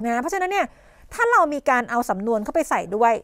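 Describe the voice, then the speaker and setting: A woman teacher explaining English idioms in a televised tutoring lesson, coughing now and then and dotting her talk with polite fillers and quick questions to the class. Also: high voice, big pitch swings, fairly bright tone, dry recording, clean studio sound. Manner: coughs and clears her throat often.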